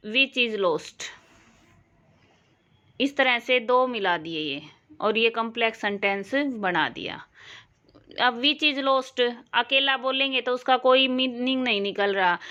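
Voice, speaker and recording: A woman from Haryana teaching an exam-prep English lesson, explaining slowly and checking that her learners follow. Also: fairly high pitch, bright, forceful tone, smooth, muffled recording. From Haryana, India. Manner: slow, explanatory, asks learners questions.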